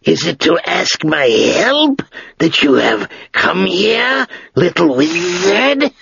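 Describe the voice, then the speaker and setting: A vast old dragon, sly and mocking, dragging every word out slowly and rising high in taunts, as a man puts him on. The voice is gravelly and husky. The recording sounds slightly dull. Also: very animated, fairly bright tone, dry recording, exaggerated voice. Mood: taunting. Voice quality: slow drawn-out, taunting. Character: ancient huge male dragon, sly, mocking.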